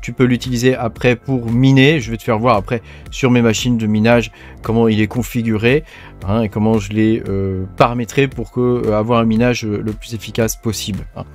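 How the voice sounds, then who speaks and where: A man's voice: mid-range voice, little pitch movement, fairly quick, soft background music. A man from France hosting a casual tech tutorial, talking informally to the viewer with many fillers and tags like "hein". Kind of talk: casual screen-recorded tutorial.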